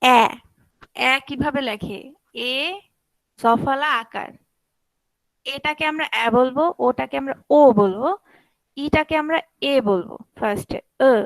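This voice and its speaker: A woman's voice: sits high, unhurried, pauses often, no echo, poor audio. A young woman with a Bangladeshi Bengali accent teaching an online language class, patiently repeating vowel sounds.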